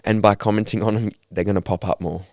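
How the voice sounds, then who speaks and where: A young Australian man with a low, smooth, resonant voice, chatting in a laid-back, upbeat way full of slang. The sound is close and dry. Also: fairly even intonation, fast, a little mellow, no room sound. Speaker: podcast guest. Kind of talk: casual conversational storytelling.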